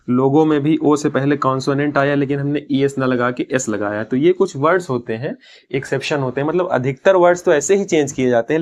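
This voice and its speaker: Man teaching grammar step by step. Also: medium pitch. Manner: explains step by step, asks and answers his own questions; reads English terms slowly and deliberately. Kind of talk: classroom-style lesson.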